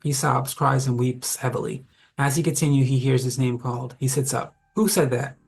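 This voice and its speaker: Brief: husky male narrator, steady mid-pitched audiobook read. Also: moderate pace.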